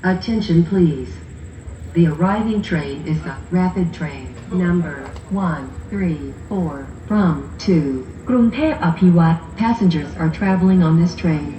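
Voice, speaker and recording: A woman making a formal, measured train station announcement over a PA loudspeaker. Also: on the low side, a little hiss or hum. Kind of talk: recorded platform announcement. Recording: echoey distant loudspeaker in station.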